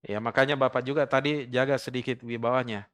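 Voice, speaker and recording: A man teaches a religious study class in a prayer room. He speaks in a measured way, often pausing to add an affirming tag. His voice is smooth and resonant, at a middle pitch. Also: steady tone, fairly bright tone. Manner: measured, frequent affirming "iya" tags. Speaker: Islamic preacher.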